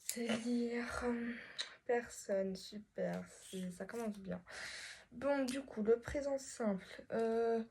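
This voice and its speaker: Woman playing a weary deadpan teacher. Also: fairly high pitch, background noise. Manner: dry, deadpan classroom instructions. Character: weary adult female English teacher, dry. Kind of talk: comedy skit role-play.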